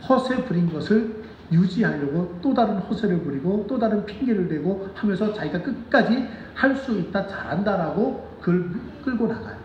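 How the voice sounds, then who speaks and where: High, lively male pastor in echoey hall. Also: normal speed, recorded from a distance, lo-fi sound, a little hiss or hum. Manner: animated, asks the congregation rhetorical questions; acts out children's voices in quotes. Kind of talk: sermon. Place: church sanctuary.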